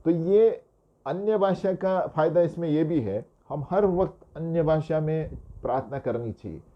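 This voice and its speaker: A man preaches in a relaxed, conversational teaching style, often tagging his points with quick questions to the listeners. His voice sits somewhat high for a man. The recording is dull and lo-fi. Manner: acts out quoted dialogue. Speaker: pastor. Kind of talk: sermon teaching. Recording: dull lo-fi sound.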